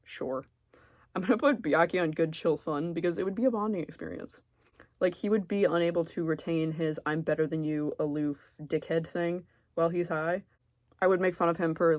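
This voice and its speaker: A woman with a low voice talks through casual ranking commentary, sarcastic and deadpan but expressive. The sound is close and dry, with no room around it. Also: no room sound. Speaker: video creator.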